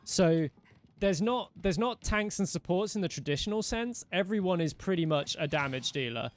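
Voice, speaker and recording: A man's voice: high voice, expressive, normal speed. A young man streaming a game live, chatting loosely with viewers and thanking followers as he plays. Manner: rambling, talks to chat, thanks followers by name. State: losing his voice. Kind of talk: casual live-stream commentary while playing.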